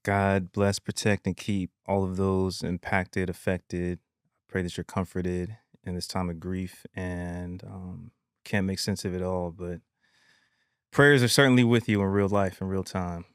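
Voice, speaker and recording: A man's voice: low voice, fairly even intonation, a little slow, smooth, dry recording, clean studio sound. A man co-hosting a casual podcast, offering short affirmations and earnest, prayerful remarks. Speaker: podcast co-host.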